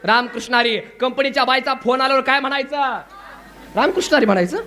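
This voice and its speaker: A man's voice: extremely high pitch, fairly quick, bright, forceful tone, soft background music. A man preaching a comic devotional kirtan, calling out to the crowd to answer him back. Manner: calls out to the crowd for responses. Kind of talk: comic devotional sermon with singing.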